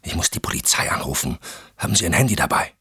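A man's voice: low voice, sing-song, quick pace, pushed and bright, slightly rough, dry recording, clean studio sound, exaggerated voice. A man voicing an urgent, determined hunted man. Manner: urgent, clipped instructions. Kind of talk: audiobook character voice.

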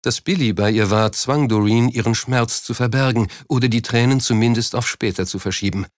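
A man narrating an audiobook in an even, steady storytelling manner. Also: medium pitch, fairly quick, no echo, studio quality. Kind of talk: scripted narration.

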